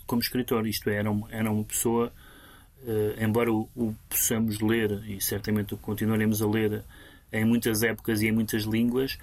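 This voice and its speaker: A man with a European Portuguese accent discussing a book as a critic on radio, full of fillers and restarts. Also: medium pitch. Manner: hesitant, many fillers and restarts.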